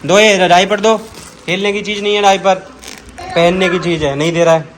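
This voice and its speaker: A man's voice: high voice, steady tone, moderate pace, background noise. A young man with a Bundeli accent, vlogging casually at home and teasing the children playfully. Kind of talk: casual family vlog narration.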